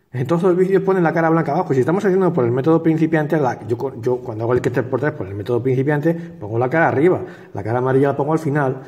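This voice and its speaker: A man's voice: fairly high pitch, a little mellow, big-room sound. A man with a Spain Spanish accent hosting a puzzle cube tutorial, talking casually and sardonically, chuckling often and rambling with restarts.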